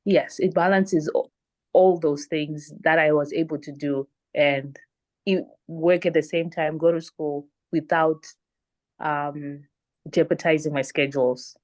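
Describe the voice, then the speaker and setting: A woman's voice: low voice, steady tone, unhurried, darkish tone. A woman from Zimbabwe whose first language is not English, answering interview questions in a hesitant conversational way, with frequent restarts. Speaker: panelist.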